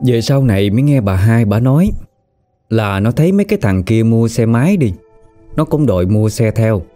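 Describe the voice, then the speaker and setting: Speaking with a Southern Vietnamese accent, this man narrates casually and with energy, using everyday language and lifting his voice when the story grows tense. His voice sits fairly low, he talks at a normal speed, and soft music plays underneath.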